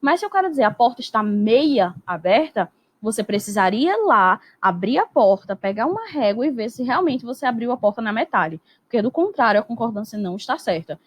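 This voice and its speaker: A woman's voice: a little high, big pitch swings, a little fast, few pauses, breathy edge. A woman teacher explaining grammar in a recorded lesson, speaking patiently and constantly checking in with "né?" and "tá?". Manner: explanatory, peppers speech with "né?" and "tá?"; acts out example sentences in a lifted voice.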